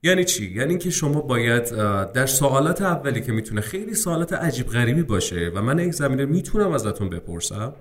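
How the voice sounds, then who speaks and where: A man's voice: mid-range voice, hardly any pauses. A man teaching English speaking-exam preparation in a casual lesson. He talks to viewers as friends, and his speech is full of English terms. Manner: lively, addresses viewers as friends, mixes English terms into Persian.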